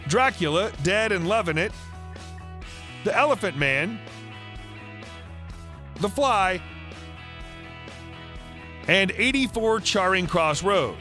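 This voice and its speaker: A man reading a scripted biographical narration in an even, read-aloud way. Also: sits high, slow, long pauses, faint music behind.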